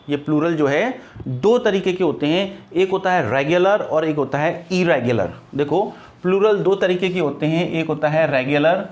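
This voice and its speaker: A man from India teaches English grammar in an online lesson. His voice sits somewhat high. He is patient and repetitive, often spelling words out letter by letter. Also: darkish tone.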